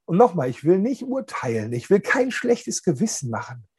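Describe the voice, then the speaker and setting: A man's voice: sits high, big pitch swings, moderate pace, a little mellow, breathy edge. A man preaching a chatty, humorous sermon to his congregation. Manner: chatty, joking, addresses listeners directly.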